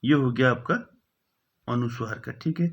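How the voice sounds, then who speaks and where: A man at a middle pitch leads an exam-prep grammar lesson, reading out each question, asking it again and answering it himself. He leans on a steady "okay" between points. The sound is slightly dull and lo-fi. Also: moderate pace. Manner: repeats each question, fills with "thik hai". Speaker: teacher.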